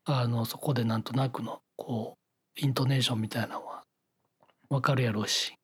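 A man's voice: mid-range voice, steady tone, a little fast, a bit bright, husky. A man with a Kyoto accent hosting a podcast in casual, joking chat. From Kyoto, Japan. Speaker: podcast host.

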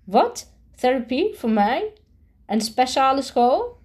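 A woman's voice: on the high side, slow, warm tone. A woman reading as an upset bullied schoolboy. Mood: upset protest.

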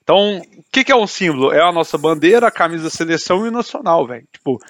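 Man, heated casual talk, slang-heavy, higher voice, dry close sound. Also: animated, rapid-fire, dry recording. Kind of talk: casual chat.

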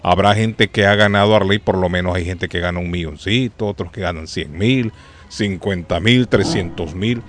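Low-voiced chatty radio host, man. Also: moderate pace, slight background noise. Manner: chatty, teasing, repeats points. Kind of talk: casual radio chat.

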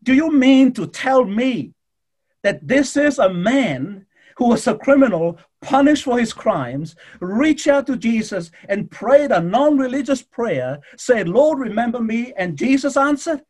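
A male preacher delivering a fervent sermon, addressing the congregation directly, with shifting pace and dramatic pauses. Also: very high voice, very animated, a little mellow.

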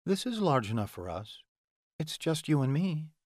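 An emotional young woman, lifted well above a man's usual pitch and kept soft and breathy, as a male narrator puts her on. The recording is close and dry. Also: very animated, normal speed, no room sound. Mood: incredulous.

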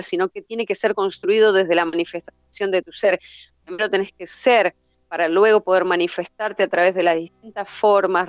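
A woman's voice: mid-range voice, no room sound. A woman who runs workshops, talking in a flowing, teacherly way and building her points through lists. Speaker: workshop facilitator. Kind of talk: reflective conversation. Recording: dull lo-fi sound.

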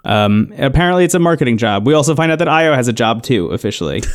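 A man talks through a reality show episode at an easy, unhurried pace, his voice sitting at an ordinary middle pitch. He rambles a little, leaning on "like" and "um" as he retells each scene. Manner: relaxed storytelling, many "like" and "um" fillers. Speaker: podcast co-host recapping a reality show. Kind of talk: casual chat.

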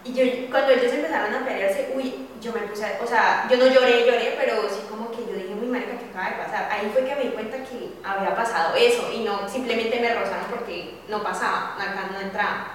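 A young woman tells a lively story in a casual round-table chat and swears offhandedly as she goes. Her voice sits a little high. The room is strongly echoey, with a long reverb tail, and the mic is set some way off. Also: fairly quick, hardly any pauses, distant mic, a little hiss or hum. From Colombia. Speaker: podcast host.

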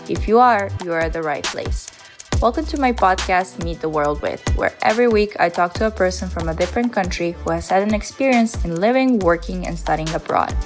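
A woman's voice: lowish voice, expressive, fairly quick. Woman host doing a cheery scripted podcast intro, music going behind her.

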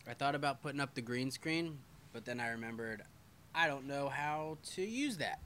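A man with a bright, forceful voice hosts a casual live stream, reading out viewer comments and answering them as he goes. He talks loosely and pokes fun at himself, dropping the odd curse, and a faint hum of room ambience sits behind him. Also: mid-range voice, expressive, moderate pace. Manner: loose and swearing, with self-deprecating asides. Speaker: podcast host reading live chat.

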